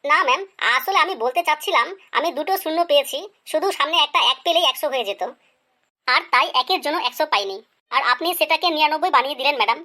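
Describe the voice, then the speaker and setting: In this animated comedy sketch, the performer gives a cheeky pupil a high-pitched voice and fast delivery, piling up deferential, pleading excuses.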